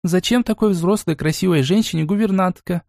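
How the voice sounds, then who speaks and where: A man's voice: high voice, fairly quick, vocal fry, darkish tone, no echo, clean studio sound, voice pushed up. A man reading an audiobook and voicing a sensible, wary twelve-year-old girl. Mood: scolding. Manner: prim, reasoning.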